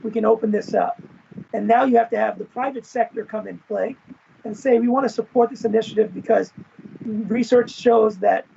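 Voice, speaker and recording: His voice is high and warm with vocal fry, delivered at normal speed in a steady tone, over a muffled video call with a little hiss or hum. As an interview guest who was once an event manager and professor, he chats expansively and casually, dropping "right?" and "you know" after his points.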